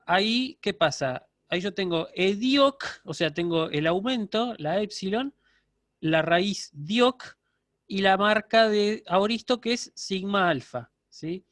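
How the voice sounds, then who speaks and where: A man's voice: high voice, expressive, unhurried, hardly any pauses, a bit bright, no echo, studio quality. A man giving a university lecture online, explaining step by step and checking in with his students. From Argentina.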